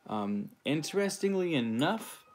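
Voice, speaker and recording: A man from California hosts a casual livestream, reading viewer comments and greeting people by name as he rambles in a laid-back way with frequent ums. His voice is a little high and very animated but unhurried, with slight background noise.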